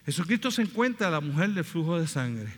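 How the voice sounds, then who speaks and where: A man's voice: a little high, big pitch swings, brisk. A man preaching a sermon as pastor, passionately retelling scripture stories and acting out their dialogue. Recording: long hall reverb.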